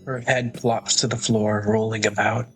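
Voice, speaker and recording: A sick man narrating a game aloud as a streamer, reading in a slow, measured way with a raspy, creaky voice. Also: lowish voice, little pitch movement, a bit bright, soft background music, low-quality recording.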